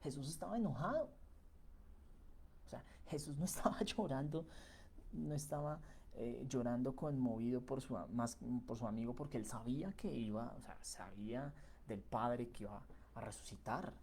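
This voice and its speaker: A man's voice: mid-range voice, moderate pace, a little mellow, slightly rough. A man giving a Bible reflection in a conversational way, with many fillers and tag questions. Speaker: preacher.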